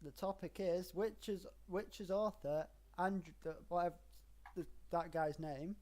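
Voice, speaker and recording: A man co-hosting a podcast, bantering and swearing, and often trailing off into quiet asides. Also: high-pitched, steady tone, normal speed. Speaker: podcast co-host. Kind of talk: casual banter.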